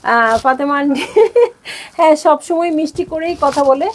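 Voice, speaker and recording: A woman's voice: sits high, a little slow, a little hiss or hum. A young Bangladeshi woman selling dresses on a live stream, chatty and bubbly, often slipping in English words. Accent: Bangladeshi Bengali. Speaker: online clothing seller.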